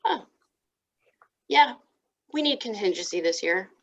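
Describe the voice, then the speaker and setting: A woman's voice: medium pitch, lively intonation, a little slow, rough recording. A woman at a town board meeting asking direct questions about the budget over a video call.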